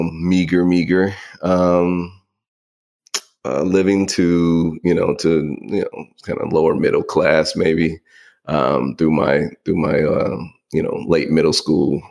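Very deep gravelly man, rambling. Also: takes it slowly. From San Francisco Bay Area. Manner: relaxed, rambling, many fillers. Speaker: podcast co-host. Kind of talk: casual chat.

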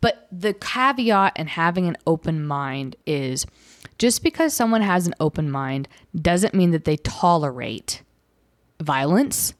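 A woman's voice: low voice, no room sound, clean studio sound. A woman co-hosting a podcast, making her points emphatically and repeating phrases for stress in casual chat. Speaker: podcast co-host.

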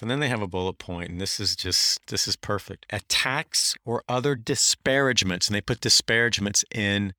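Indignant man with a bright, dry voice. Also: fairly low pitch, dry recording. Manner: indignant, sarcastic, reads out documents. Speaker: podcast host. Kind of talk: opinion commentary.

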